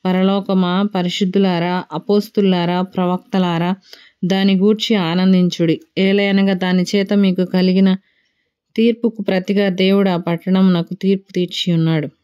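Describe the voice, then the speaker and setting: A woman reading scripture aloud in a steady, solemn manner, as a scripted Bible reading. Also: fairly low pitch, normal speed, clear, resonant tone, muffled recording. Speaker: scripture reader.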